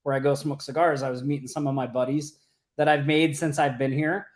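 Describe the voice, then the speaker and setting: A man from Oklahoma co-hosts a casual livestream chat from a home or office in Las Vegas. His mid-range voice stays steady and runs a little fast, and he talks loosely with many fillers and restarts.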